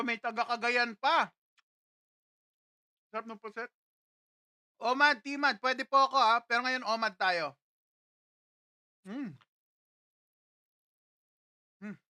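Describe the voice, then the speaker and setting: In a studio, a woman hosts a casual live stream, tasting dishes on camera and greeting viewers by name one after another. Her voice is high and bright, her pace unhurried. The sound is close and dry, without room echo.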